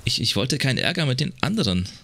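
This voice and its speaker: A man's voice: mid-range voice, very animated, fast, creaky, sharp tone, breathy edge, full character voice. A man voicing a tense woman bartender in a video game, reading her lines aloud with curt, defensive replies. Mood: guarded.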